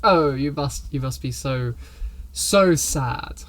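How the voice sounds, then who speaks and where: A frightened nobleman, all stammering courtesy and barely hidden fear, as a man puts him on at a tabletop game. He trips over his words and keeps things painfully polite. The pitch sits right in the middle. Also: slow pace, fairly bright tone. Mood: nervous. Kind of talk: voicing a character in a tabletop game.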